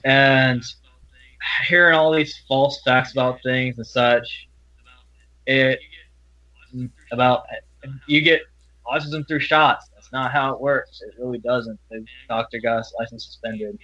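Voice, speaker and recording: A young man speaking earnestly as an interview guest, halting and often restarting his sentences. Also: medium pitch, steady tone, sharp tone. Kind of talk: personal interview talk. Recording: dull, lo-fi audio.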